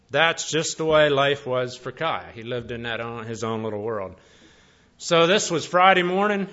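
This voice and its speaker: Guy preaching, chatty folksy sermon, kinda high voice, dull lo-fi recording. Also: pushed and bright. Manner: folksy, conversational, with many fillers and pauses. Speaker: pastor. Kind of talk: storytelling sermon.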